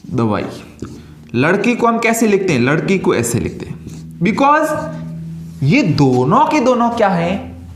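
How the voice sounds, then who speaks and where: A man's voice: a little high, roomy sound. A man teaching a grammar lesson to students, asking questions and answering them himself in a patient, repetitive way.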